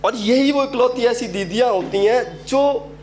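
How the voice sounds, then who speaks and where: High-voiced stand-up comedian from UP. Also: male voice, darkish tone. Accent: Uttar Pradesh Hindi. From Uttar Pradesh, India. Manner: storytelling, acts out characters in quick asides.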